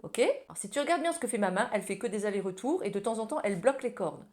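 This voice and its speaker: A woman's voice: medium pitch, expressive, very fast, music in the background. A woman giving a casual ukulele lesson, talking informally and directly to the viewer. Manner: friendly, informal, addresses viewer as tu. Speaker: ukulele teacher. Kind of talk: casual music tutorial. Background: ukulele playing.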